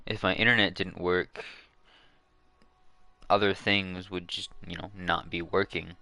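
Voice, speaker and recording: A man with a low, deep voice talks loosely to his stream viewers, trailing off and restarting his sentences. His tone is bright and crisp, picked up close and dry, and he hiccups now and then. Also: flat delivery, unhurried, dry recording. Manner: rambling, hesitant, many fillers and restarts. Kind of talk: casual live-stream chat.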